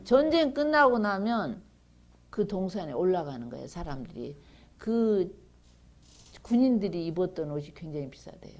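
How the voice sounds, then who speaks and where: A woman's voice: lowish voice, very animated, moderate pace, darkish tone. A middle-aged woman giving a seminary bible lecture, chatting with students and reading scripture aloud with emphasis.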